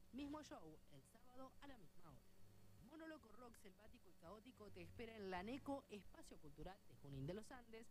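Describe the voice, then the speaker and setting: A woman reads out radio listings. Her delivery is brisk and announcer-like, at a middle pitch. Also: poor audio. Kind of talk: event listings read on radio.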